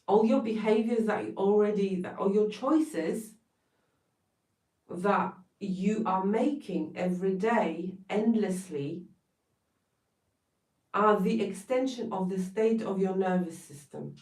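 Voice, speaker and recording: A woman's voice: mid-range voice, slow pace, darkish tone. Polish-accented woman, blunt live talk. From Poland. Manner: emphatic and blunt, swears for emphasis. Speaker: wellness coach. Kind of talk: live-stream motivational talk. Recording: roomy sound, distant from mic.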